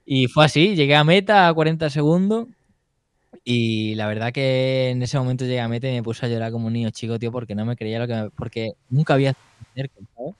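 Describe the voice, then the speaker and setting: Casting: young adult male guest, mid-pitch, animated storyteller, casual slang, dry close recording. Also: fast, clear, resonant tone, dry recording. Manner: animated storytelling, keeps saying "tío". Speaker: interview guest, mountain bike racer. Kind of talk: casual interview chat.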